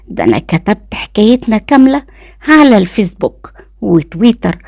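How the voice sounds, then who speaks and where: A woman with an Egyptian accent voicing a stubborn, quick-tempered young woman in a spoken story. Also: creaky, darkish tone, dry recording, clean studio sound, lightly acted. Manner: exclaiming, high-pitched outbursts.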